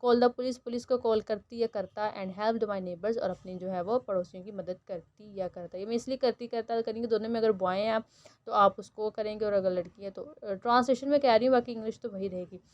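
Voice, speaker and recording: A woman teaching a textbook lesson. She reads each English line slowly, then explains it at length with many fillers. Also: medium pitch, highs cut off. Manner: frequent fillers and restarts while explaining.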